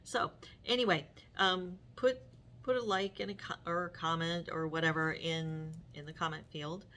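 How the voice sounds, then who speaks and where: A woman's voice: lowish voice, steady tone, normal speed, a bit bright. A middle-aged woman hosting her own vlog, talking casually to viewers with many fillers and restarts. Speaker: vlog host. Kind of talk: casual talk to camera.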